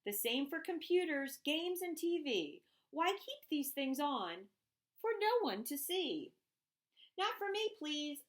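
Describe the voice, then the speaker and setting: With a high-pitched voice full of big pitch swings, a woman reads aloud from a rhyming picture book for children. She is expressive and deliberate, stressing particular phrases.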